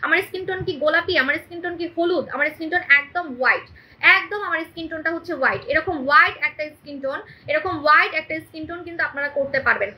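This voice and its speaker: A young woman hosts a live-stream sales pitch from home on her phone, repeating her points emphatically and checking in with "right?". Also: sharp tone. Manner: emphatic and repetitive, keeps asking "right?". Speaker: online shop host selling beauty products. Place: indoors in a room at home. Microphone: phone camera on a live stream.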